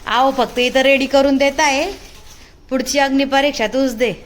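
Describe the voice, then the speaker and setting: A woman's voice: sits high, steady tone, moderate pace, slight background noise. A young woman chatting through a casual family vlog, doting on and coaxing her small son. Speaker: family vlogger, mother.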